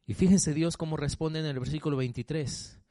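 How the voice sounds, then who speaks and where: A man's voice: a little high, steady tone, a little fast, dark tone, no echo, studio quality. A male pastor preaching a sermon, emphatic, often asking the congregation questions.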